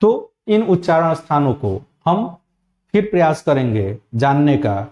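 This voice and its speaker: Guy teaching a grammar lesson, slightly high voice but mellow, goes through sounds one by one. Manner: slow, methodical, spells out sounds one by one. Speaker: Hindi teacher.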